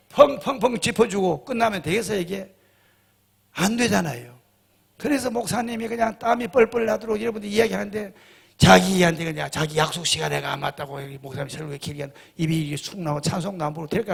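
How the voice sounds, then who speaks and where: Gravelly high-voiced preaching man. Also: quick pace. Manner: emphatic preaching with rhetorical questions to the congregation. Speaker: pastor. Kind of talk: sermon.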